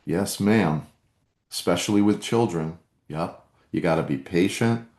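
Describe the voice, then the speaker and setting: Man, deep low voice, earnest coaching host, echoey room. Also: unhurried, a little mellow. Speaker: meditation workshop host. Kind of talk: live-streamed workshop talk, reading chat comments.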